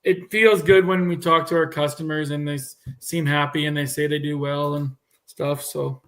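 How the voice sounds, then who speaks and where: Man in his thirties, from Canada, somewhat high voice, casual rambling talk. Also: moderate pace. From Manitoba, Canada. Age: 30s. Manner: relaxed rambling with restarts. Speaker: cattle breeder guest. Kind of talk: casual chat.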